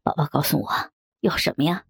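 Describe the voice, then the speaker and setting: A woman voicing a doting older man in a low, husky whispered role-play. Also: a little fast, heavily acted. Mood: coaxing.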